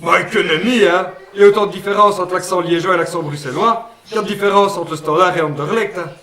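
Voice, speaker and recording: A man's voice: high-pitched, quick pace, bright, forceful tone. A man voicing Tchantchès, a naive Liège puppet fellow. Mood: chatty. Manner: folksy, naive, lots of "hein" and "ben". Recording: roomy sound, mic at a distance.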